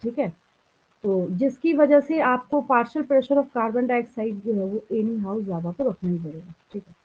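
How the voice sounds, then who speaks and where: A fairly high-voiced woman with an Indian accent lectures a class on biology, switching between Hindi and English. She puts questions to the students and answers them herself. The sound is thin and tinny, like a phone line. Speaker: biology teacher.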